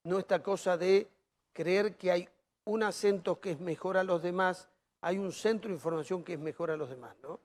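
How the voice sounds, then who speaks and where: A man with an Argentine accent hosts an interview in a high voice. He frames questions at length and sums up his guest's points in relaxed, informal speech. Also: normal speed. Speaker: talk show host. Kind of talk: interview hosting.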